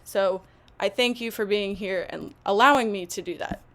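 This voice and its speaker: A woman hosting a live online English lesson, speaking slowly and deliberately to learners. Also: medium pitch, a bit bright. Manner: slow, deliberate, encouraging speech.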